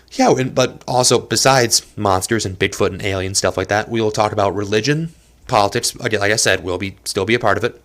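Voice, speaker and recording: Nose stuffed from allergies, a young podcast host rambles self-deprecatingly through a casual solo episode in his small apartment. He has a lowish voice with a fairly bright tone.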